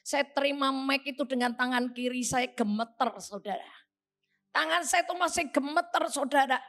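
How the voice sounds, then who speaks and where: A woman's voice: sits high, a bit bright. A woman preaching a sermon, emphatic and dramatic as she tells a personal story and often turns to address the congregation. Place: church.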